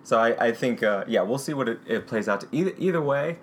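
A man's voice: mid-range voice, lively intonation, fast talker. A young man co-hosting a casual sports podcast, rambling with frequent restarts and laughs. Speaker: podcast co-host.

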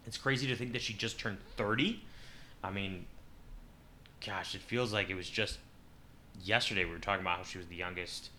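A man's voice: sits low, steady tone, a little fast, pauses often, pushed and bright, a little hiss or hum. A young man hosting a podcast on his own, chatting casually and rambling, correcting himself as he thinks aloud. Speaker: podcast host. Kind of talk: casual solo podcast chat.

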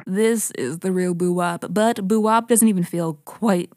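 A woman's voice: fairly low pitch, measured pace, a little mellow, slight background noise. An American woman narrating a horoscope in a casual comedic style, irreverent and sweary, with slangy, playfully dramatic delivery. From New England, United States. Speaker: astrologer, host.

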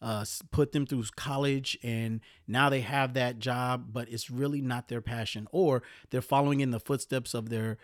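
A man hosting a podcast, giving motivational career advice in a lively, preachy way that sometimes gets riled up. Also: mid-range voice, no room sound, studio quality. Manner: animated, gets riled up, mimics complainers. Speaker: podcast host.

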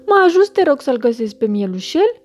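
Little lamb, woman reader, high, pleading, anxious, soft music behind. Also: lively intonation, highs cut off, close to an everyday voice. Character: small anxious female lamb, tearful.

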